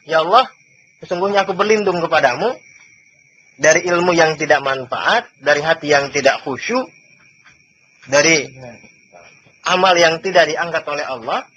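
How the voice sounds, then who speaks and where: A man teaching a classical religious book, slowly reading passages and explaining them in a chatty way, heard on old worn tape. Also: a little high, pushed and bright. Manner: chatty, chuckles often between points; reads classical text slowly then explains it. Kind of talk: classical book study lesson. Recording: dull lo-fi old tape with faint hiss.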